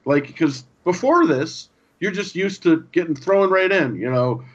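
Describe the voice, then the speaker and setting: A man co-hosting a gaming podcast, chatting casually and telling stories with lively acted-out lines. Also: on the high side, a little slow. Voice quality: animated storyteller, acts out game lines. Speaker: podcast co-host. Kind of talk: casual chat. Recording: dull lo-fi audio.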